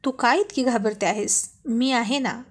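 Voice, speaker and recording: A woman voicing a confident, teasing young husband who stays firm and coaxes his wife, read slowly. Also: fairly high pitch.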